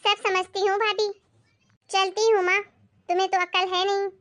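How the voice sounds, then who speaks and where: A woman's voice: very high-pitched, level tone, normal speed. Woman voicing a jealous, quarrelsome daughter. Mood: bitter. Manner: sharp, complaining, accusing. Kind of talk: animated family skit.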